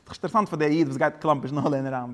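A man teaching a religious study lesson, explaining in a rapid, rambling way and dropping English words into his talk. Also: a little high, fairly bright tone.

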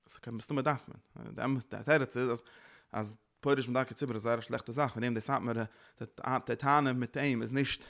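A man's voice: mid-range voice, steady tone, normal speed, creaky, a bit bright. A man giving a religious lecture as a teacher, earnestly circling back to restate his points.

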